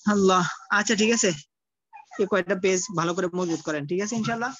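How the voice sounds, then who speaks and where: A man's voice: high voice, fairly bright tone. Man teaching syllable by syllable, lo-fi. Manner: colloquial, repeats himself, spells out syllables slowly. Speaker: Quran recitation teacher. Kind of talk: online tajweed class.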